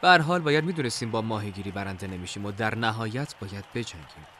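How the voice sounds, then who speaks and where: A man's voice: on the low side, expressive, pushed and bright, slight background noise. A man voicing a cautious, serious young male hero. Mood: wary.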